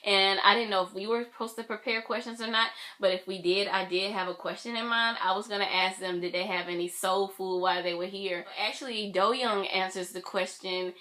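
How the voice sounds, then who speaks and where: A young woman tells a personal vlog story in a chatty, gushing way. Her bright voice drops soft and quiet when she gets teary. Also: medium pitch, fairly even intonation, fairly quick, hardly any pauses. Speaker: vlogger.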